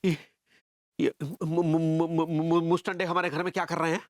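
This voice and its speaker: A hotheaded jealous husband, gravelly voice, swings all over the place, blustery. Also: male voice, fairly high pitch, huge pitch swings, takes it slowly, no room sound, studio quality, heavily acted. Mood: blustering. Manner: blustering, shouting, stammering. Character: short-tempered middle-aged jealous husband.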